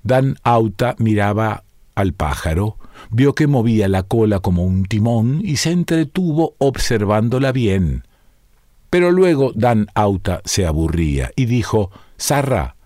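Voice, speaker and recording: Male storyteller reading a folk tale, slow and low-pitched, dry close sound. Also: big pitch swings, mellow, no echo. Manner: measured, deliberate reading. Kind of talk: scripted folk-tale narration.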